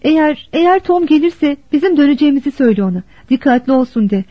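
A woman's voice: high voice, animated, fast, no echo. A woman voicing a worried, determined mother of a poor family, urgent and commanding, on a dull, dry recording.

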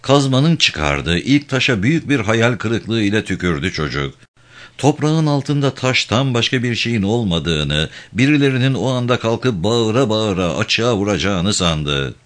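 A man reading a novel aloud as narrator, in an expressive, measured storytelling voice. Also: fairly low pitch. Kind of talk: scripted audiobook narration.

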